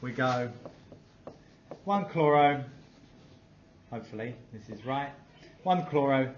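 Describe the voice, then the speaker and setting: A male teacher leads a classroom lesson in an upbeat way, quizzing the class and praising what they answer. His voice is medium in pitch and moderately paced, with a little hiss or hum. The recording sounds dull and echoey, as a classroom would.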